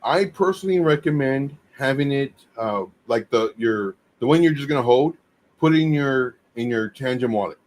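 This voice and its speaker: Halting, teasing co-host man. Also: mid-range voice, lively intonation, darkish tone. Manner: teasing, halting, restarts often. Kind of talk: casual livestream chat.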